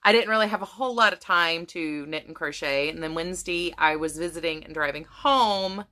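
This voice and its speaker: A woman's voice: fairly low pitch, a little fast, sharp tone. A woman chatting casually to her viewers about her crafts, rambling with many restarts, her voice starting to go. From United States. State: losing her voice. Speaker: crafting vlogger. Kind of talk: casual chat to camera.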